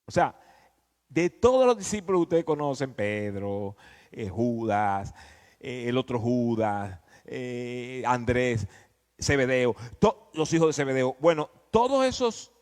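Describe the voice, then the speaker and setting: A man preaches in a conversational, emphatic teaching style, often prompting his listeners with questions. His medium-pitched voice is a little mellow, sing-song, and unhurried, recorded in an echoey hall with long reverb.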